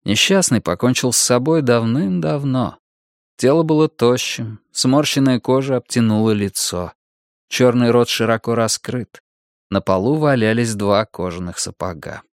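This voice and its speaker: A man of middle pitch narrating a novel in a steady, measured reading voice. The recording is dry and close, with no room around him. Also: no room sound. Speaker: audiobook narrator. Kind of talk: scripted narration of a crime novel.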